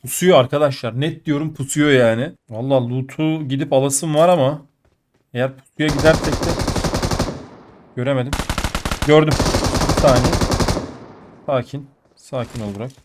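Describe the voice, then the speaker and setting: A sick man with a blocked nose and a muffled, nasal voice, giving excitable gameplay commentary that jumps between muttering and outbursts. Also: medium pitch. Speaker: mobile game player.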